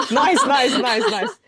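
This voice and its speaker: A woman hosting a casual podcast chat, asking curious questions and laughing easily. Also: sits high. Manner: curious, quick to laugh and affirm. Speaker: podcast host.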